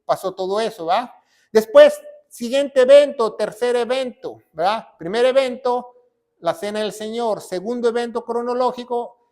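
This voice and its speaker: A man preaching as a pastor, his voice pitched high for a man. He lays out a Bible lesson in order, step by step, and keeps asking his listeners whether they are following. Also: darkish tone. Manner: explains step by step, often checks in with the congregation. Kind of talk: Bible teaching sermon.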